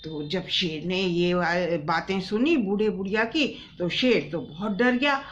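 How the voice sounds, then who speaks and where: A woman telling a children's bedtime story, speaking gently and addressing the children directly. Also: mid-range voice, expressive, unhurried, highs cut off, slight background noise.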